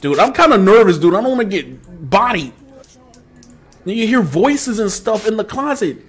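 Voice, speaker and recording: A young man livestreams a horror game from a small room with posters behind him, talking nervously to his chat. His high, sing-song voice has a breathy edge and moves at a moderate pace. He's jumpy and keeps breaking into loud yelps and laughter.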